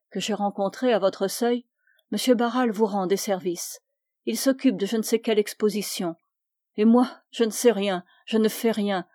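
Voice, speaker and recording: A woman's voice: mid-range voice, mellow, dry recording, studio quality, lightly acted. A woman reading the part of a young man, a remorseful, pleading lover, in a storybook reading. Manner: pleading, self-reproaching.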